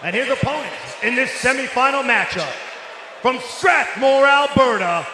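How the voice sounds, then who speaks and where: A man working as a ring announcer, making a grand entrance announcement with shouted, drawn-out names. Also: very high voice, expressive. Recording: echoey arena PA, noisy crowd.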